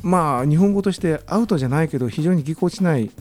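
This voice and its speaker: A man lecturing on business in a radio talk, relaxed and full of fillers, slowing down to sound out examples. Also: a little high, faint music behind. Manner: relaxed, many fillers, slow careful English examples. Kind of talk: radio lesson chat.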